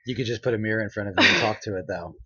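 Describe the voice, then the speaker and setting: A man co-hosting a casual podcast chat, speaking in a dry, teasing, low-key way. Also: very fast, sharp tone, dull audio. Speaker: podcast co-host.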